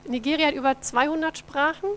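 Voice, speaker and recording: A woman's voice: high-pitched, fairly even intonation, fast, fairly bright tone, slight background noise. A woman from Germany, a mission office coordinator, giving a friendly church presentation about her work and talking directly to the audience. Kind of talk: church mission report with slides.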